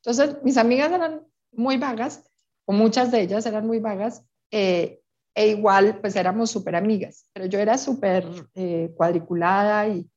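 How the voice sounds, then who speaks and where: A woman who grew up in Peru, answering interview questions thoughtfully, with many pauses and restarts. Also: mid-range voice, darkish tone, lo-fi sound. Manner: hesitant, many restarts and fillers. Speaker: interview guest.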